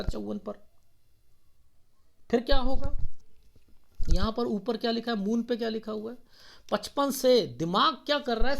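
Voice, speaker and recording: A man talks a client through a palm reading in an explanatory way. He moves through the ages one at a time and often stops to check in with a quick "okay". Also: high-pitched, vocal fry, fairly bright tone. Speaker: palmist.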